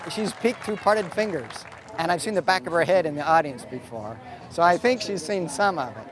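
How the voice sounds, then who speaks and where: A sword swallower, a man from Idaho, talks casually in a high voice. He explains his act in an easygoing, plain-spoken way. A noisy outdoor crowd surrounds him. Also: lively intonation, normal speed. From Idaho, United States. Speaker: sword swallower and circus-style performer. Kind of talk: casual interview answers. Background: crowd and outdoor fair ambience.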